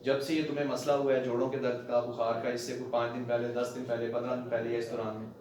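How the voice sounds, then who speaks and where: A male doctor examining a patient at the bedside, gently coaxing and repeating his instructions and praising the patient. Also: mid-range voice, little pitch movement, fast, a little hiss or hum. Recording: very echoey ward, distant, crowd behind.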